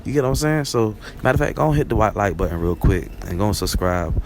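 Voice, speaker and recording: Quick-paced and expressive, a young vlog host with a Barbadian accent rambles through a casual monologue, frequently asking "you know what I'm saying?". His lowish voice is a little mellow, with slight hiss or hum in the background.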